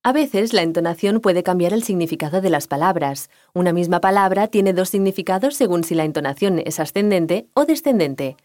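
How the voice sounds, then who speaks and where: A woman giving a scripted language lesson, explaining pronunciation clearly and calmly. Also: on the low side, a little fast, few pauses, no echo, studio quality. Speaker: language teacher.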